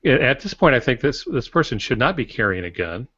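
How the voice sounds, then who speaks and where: A husky, a bit bright, medium-pitched voice belongs to an older writer co-hosting a writing podcast, who is very animated and talks a little fast. He teaches casually through anecdotes from a small home office. The video call recording is dry, dull, and lo-fi.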